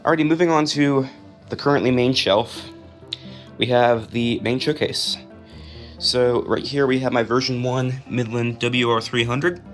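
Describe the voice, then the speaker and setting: With music playing softly behind him, a young American collector shows off his own collection in a relaxed, straightforward narration. He speaks in a mid-range voice with a steady tone and a measured pace.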